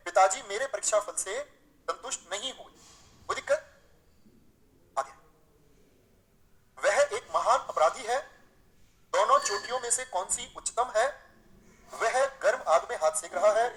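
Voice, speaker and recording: A male teacher leads a live online grammar class. He reads each example sentence aloud slowly, then corrects it. He keeps quizzing his students with questions and calls them dear friends. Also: sits high, a bit bright, poor audio.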